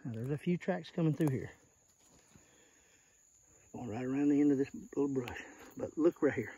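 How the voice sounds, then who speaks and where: Mellow Arkansas Southern man scouting outdoors. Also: medium pitch, normal speed, slightly rough, lo-fi sound. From Arkansas, United States. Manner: folksy, plainspoken, points things out as he goes. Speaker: deer hunter giving scouting tips. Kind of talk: casual outdoor vlog, explaining while scouting. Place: outdoors in the woods. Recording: outdoor field recording with faint natural noise.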